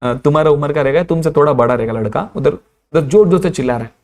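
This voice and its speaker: A man who teaches through animated, streetwise stories and mixes in English phrases. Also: on the high side, fast talker. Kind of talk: storytelling lecture.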